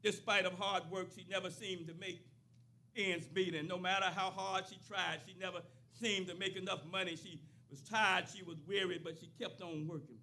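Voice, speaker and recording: A man's voice: sits high, flat delivery, normal speed, pushed and bright. An older man preaching a sermon at a church pulpit into a stand microphone, building into a rising, repeated cadence. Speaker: pastor.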